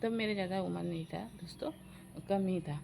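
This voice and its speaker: A woman in her forties casually telling a family story to viewers, chatty and animated, acting out her relatives' lines. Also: on the low side, brisk, gravelly, background noise. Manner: chatty, animated, quotes relatives in their voices.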